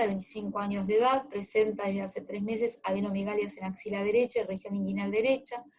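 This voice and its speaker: A woman's voice: mid-range voice, darkish tone. Woman lecturing on clinical cases. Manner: explanatory, addresses students directly with reminders. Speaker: medical lecturer.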